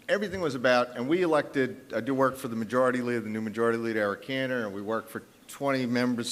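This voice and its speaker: A man from the South Bronx with a New York accent, presenting poll numbers emphatically on a conference panel. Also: mid-range voice. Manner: emphatic, punchy, with frequent restarts. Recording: long reverb of a large conference hall.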